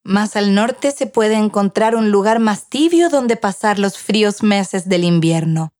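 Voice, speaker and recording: Old grandmother voiced by a woman narrator: stubborn, tired, firm, speaks low and steady. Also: a little slow, no room sound, studio quality, lightly acted. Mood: calm, firm.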